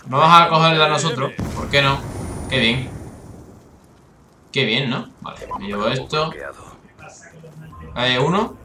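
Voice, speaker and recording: Excitable Spanish gamer man, roomy mic. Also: medium pitch, slow, pauses often, noisy background. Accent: Spanish from Spain. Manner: excitable, swears, bursts of frustration. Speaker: gaming YouTuber. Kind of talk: live gameplay commentary.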